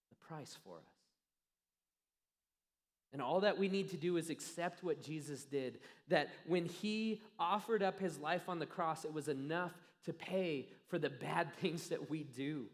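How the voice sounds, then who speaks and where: A pastor preaching a sermon, telling a story earnestly with dramatic pauses that trail off softly. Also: male voice, on the high side, expressive. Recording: long reverb of a church hall.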